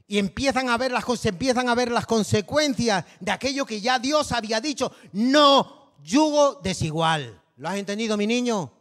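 A pastor with a Canary Islands accent preaching a sermon in a conversational way, often checking in with the congregation. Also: male voice, extremely high pitch, fairly quick, few pauses, a bit bright, long reverb tail. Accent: Canary Islands Spanish. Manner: conversational preaching, peppered with rhetorical tags.

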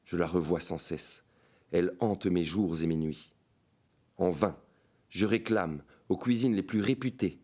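A man narrating a fantastic short story in a measured, dramatic reading. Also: low-pitched, darkish tone. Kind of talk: audiobook narration.

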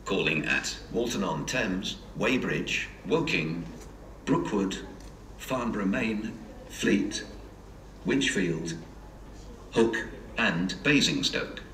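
A man making measured train announcements, heard over a station public address loudspeaker on a railway platform. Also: deep voice, far from the mic. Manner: measured, even announcing delivery. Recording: echoey loudspeaker heard from afar, noisy.

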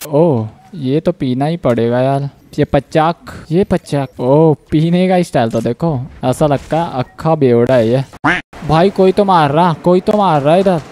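A man giving playful, jokey gameplay commentary as a gaming channel host, with sudden bursts of yelling. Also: on the high side, a little slow.

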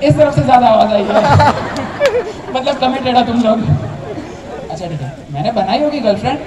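Young male stand-up comic, high voice, animated storyteller, filmed far off in an echoey hall. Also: moderate pace. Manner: animated storytelling, acting out family members. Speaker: stand-up comedian. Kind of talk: live stand-up comedy. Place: large tented college hall with a seated crowd. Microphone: handheld mic, filmed from far back in the audience. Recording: distant echoey hall with crowd noise. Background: audience laughter and chatter.

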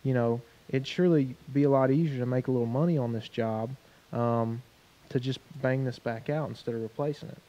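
Man with a dark, dull-sounding voice. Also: medium pitch, fairly even intonation. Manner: measured, explanatory, with fillers and repeats. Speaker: collision repair panelist. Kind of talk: panel discussion. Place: car dealership showroom. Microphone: handheld mic.

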